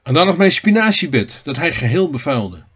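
A man's voice: fairly high pitch, big pitch swings, moderate pace, fairly bright tone, slightly rough, muffled recording, heavily acted. A man voicing Klaas, an enraged village neighbour who roars bloodthirsty threats in a storybook. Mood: furious. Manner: roaring threats.

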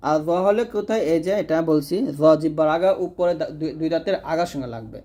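Patient man teaching letter sounds slowly. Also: a little high, warm tone. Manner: slow, repeats each sound for the listener to copy. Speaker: Quran recitation teacher. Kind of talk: step-by-step pronunciation lesson.

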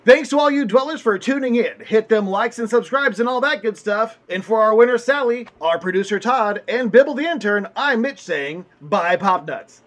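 A man's voice: high voice, animated, normal speed, few pauses, fairly bright tone. A man hosting a puppet comedy game show with a bombastic showman manner. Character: orange furry host puppet.

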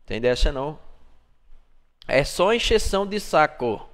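Brazilian male game streamer, excitable and trash-talking, slightly high voice. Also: measured pace. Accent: Brazilian Portuguese. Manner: excitable, trash-talking, greets chat viewers. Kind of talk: live gameplay streaming chat.

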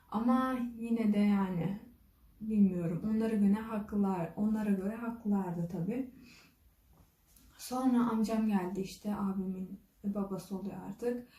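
Vlogger woman, casual storyteller, very dark mellow tone, roomy distant sound. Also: mid-range voice. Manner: retells dialogue with frequent "dedi" and "dedim". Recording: echoey room, voice from a distance.

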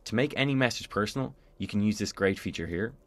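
A fast-talking man with a low voice presents a software tutorial from a script. In the style of a screencast narrator, he explains the steps one by one, clearly and methodically.

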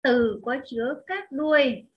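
A woman teacher with a Vietnamese accent walks her students through an English exercise step by step, talking straight to them. Her voice sits high. The recording sounds dull and lo-fi. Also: lively intonation, measured pace. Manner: explains step by step, addresses students directly. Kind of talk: recorded online lesson.

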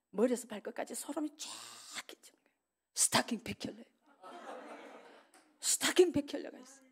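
High-pitched and creaky with a breathy edge, this middle-aged woman preacher shares her testimony from a church sanctuary. Her storytelling is animated: she performs the dialogue herself and breaks into frequent laughter.

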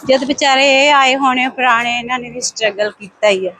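A woman's voice: high voice, normal speed, pushed and bright, low-quality recording. A woman chatting casually to viewers in an exclamatory running commentary as she walks outside. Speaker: vlogger. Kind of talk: casual walking vlog chat to viewers. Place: outdoors, walking along streets. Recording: outdoor ambient noise.

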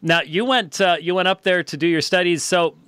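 Sitting high in pitch and moving a little fast, this interviewer's voice is pushed and bright yet smooth, with no room sound. He's an American host in his fifties leading a relaxed conversation, recorded on a close mic in a small book-lined studio.

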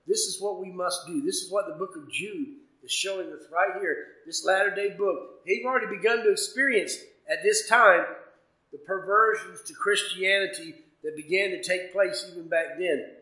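A man's voice: high-pitched, moderate pace, sharp tone, echoey room, low-quality recording. A man preaching a fervent, emphatic sermon, punctuating points with "amen" and reading scripture aloud.

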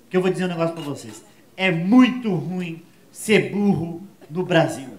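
A Brazilian man with a Brazilian accent doing a stand-up comedy set, animated and full of crude slang, shouting his punchlines. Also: fairly high pitch, moderate pace, echoey room, crowd noise. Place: comedy show stage before an audience.

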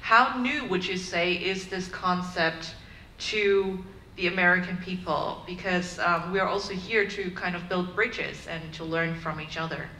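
A woman's voice: lowish voice, measured pace, sharp tone. A woman in her thirties moderating a panel discussion, upbeat, filling her questions with "um" and "kind of". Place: conference room with audience. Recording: echoey room, faint room noise.

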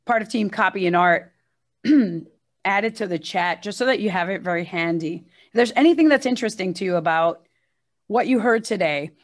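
A woman's voice: medium pitch, moderate pace. A woman executive fields the last questions of an online presentation, friendly and businesslike, her sentences dotted with small fillers. She speaks from a room shared with a production team. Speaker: agency executive presenting a webinar. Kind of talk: casual presentation Q&A.

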